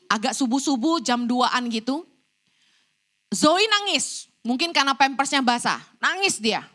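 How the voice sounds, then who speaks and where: A middle-aged woman preaching in a church, her voice high and bright. She tells her stories with animated energy, acting out what people said to her. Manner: animated storytelling, acting out quoted lines. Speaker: evangelist preacher. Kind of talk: sermon.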